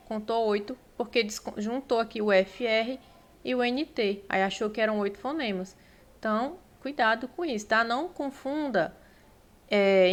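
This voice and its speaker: A Brazilian woman teaching a grammar lesson for exam takers. She explains step by step, spells words out slowly and keeps checking in with her listeners. Her voice sits at an ordinary middle pitch. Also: fairly bright tone. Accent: Brazilian Portuguese. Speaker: Portuguese teacher.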